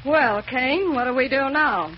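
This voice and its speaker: An actress playing a sassy, skeptical villainess in an old radio serial, pert and questioning. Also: female voice, high voice, measured pace. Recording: muffled, hissy old radio broadcast.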